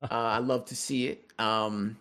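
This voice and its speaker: A man's voice: medium pitch, level tone, a little slow, a bit bright, smooth. A man co-hosting a gaming podcast, full of slang and playful trash talk aimed at his friends. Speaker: podcast co-host. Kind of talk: casual gaming podcast chat.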